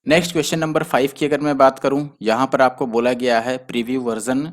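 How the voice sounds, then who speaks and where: A man's voice: mid-range voice, steady tone. Man patiently spelling out words. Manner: explains patiently, spells letters out slowly, often adds "theek hai". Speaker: exam prep tutor. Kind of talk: spoken spelling lesson.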